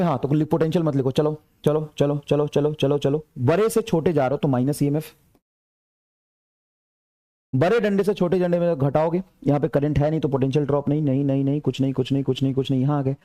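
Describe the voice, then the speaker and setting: A high-pitched male physics tutor gives a lively classroom lecture, energetically repeating phrases to push his students along. He slowly dictates English problems.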